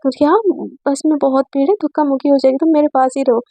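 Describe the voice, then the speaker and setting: A woman's voice: high voice, flat delivery, fast, mellow, dry recording. A woman voicing a caring young woman who pleads and asks protective questions.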